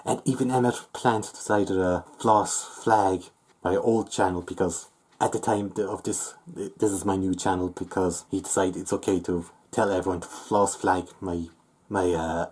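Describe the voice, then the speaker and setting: A man's voice: sits low, steady tone, darkish tone, husky. A man ranting angrily in an opinion video, swearing often and stumbling over fillers. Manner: angry, profane, halting with many fillers. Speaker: YouTube commentator.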